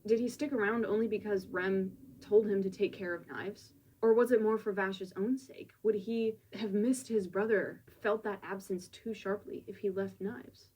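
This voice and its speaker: A woman with a husky voice recaps a manga for a review. She muses over the scenes and drops in casual asides. Her mic sits some way off, so she sounds slightly distant. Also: medium pitch, steady tone, normal speed, few pauses, darkish tone. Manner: reflective, musing, casual asides.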